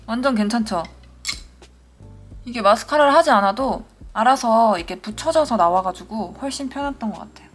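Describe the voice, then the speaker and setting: A woman's voice: a little high, a little fast. A young woman in her twenties, a beauty vlogger, talking casually through a makeup tutorial and telling a story along the way. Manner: chatty, animated when storytelling, soft asides. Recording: faint music behind.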